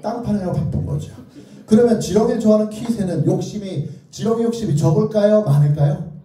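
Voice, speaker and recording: With a high-pitched, dark-toned voice and a fast delivery, a male children's author lectures interactively, playfully and theatrically prompting the audience with either-or questions. The recording is from a distant mic in a very echoey indoor lecture hall.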